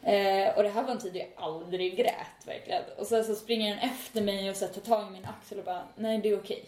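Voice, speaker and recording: A woman's voice: medium pitch, fairly even intonation, a little mellow. A young woman in her twenties chatting casually as a podcast co-host, telling stories animatedly and acting out quoted dialogue. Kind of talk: casual chat. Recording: echoey room.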